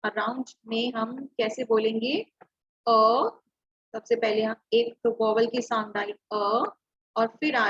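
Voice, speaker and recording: A woman's voice: on the high side, fairly bright tone, breathy edge, dull audio. A woman teacher giving an online class, patiently spelling out words letter by letter. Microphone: computer or phone mic on a video call.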